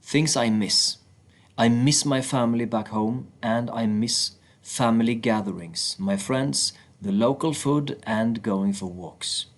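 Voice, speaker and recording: A man reading first-person passages aloud from a book in a steady, plain manner. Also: medium pitch, slow.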